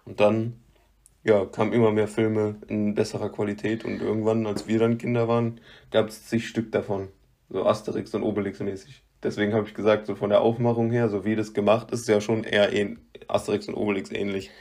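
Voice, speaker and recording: A man's voice: fairly low pitch, flat delivery, a little fast, a little mellow. A young man giving clues in a guessing game, hesitant and searching for words. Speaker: quiz-giving player. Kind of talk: casual chat.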